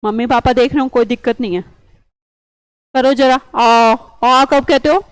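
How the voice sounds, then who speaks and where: A high-pitched woman runs an online vocabulary lesson. She coaxes and chats, quizzing her students with memory tricks. The sound is dry and close, with no room around it. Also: brisk, darkish tone, no room sound, low-quality recording. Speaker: English vocabulary teacher.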